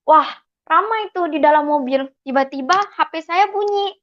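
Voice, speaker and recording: Animated woman. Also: very high voice, moderate pace. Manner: animated storyteller who acts out remembered dialogue. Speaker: convert giving a testimony. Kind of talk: personal testimony. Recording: dull lo-fi recording.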